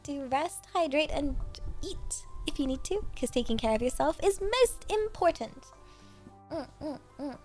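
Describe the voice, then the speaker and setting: A woman's voice: high voice, animated, measured pace, darkish tone. A British woman hosting a casual livestream, chatting in a cute anime-streamer manner with playful thank-yous to viewers. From Britain. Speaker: VTuber livestream host. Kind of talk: casual livestream chat, reading out and thanking supporters. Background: music.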